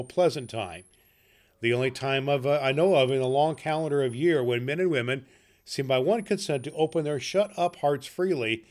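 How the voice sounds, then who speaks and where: A man's voice: mid-range voice, natural voice. A man doing a cheerful, earnest young nephew. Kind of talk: storybook reading.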